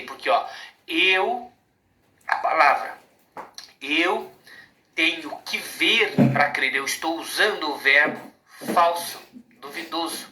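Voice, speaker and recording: A man's voice: a little high, sharp tone, slight background noise. A man with a Brazilian Portuguese accent giving an informal spiritual monologue, emphatic and rambling, often asking rhetorical questions. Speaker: spiritual speaker. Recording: roomy echo.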